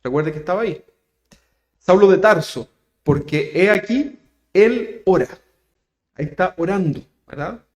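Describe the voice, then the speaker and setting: A pastor preaches in a conversational way, often tagging his points with a questioning "right?" to the listener. His voice sits fairly high for a man and swings widely in pitch. He lifts dramatically when reading scripture lines aloud. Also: lively intonation, unhurried, long pauses, a little mellow. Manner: conversational preaching, tags many phrases with a questioning "¿verdad?". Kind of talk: sermon teaching.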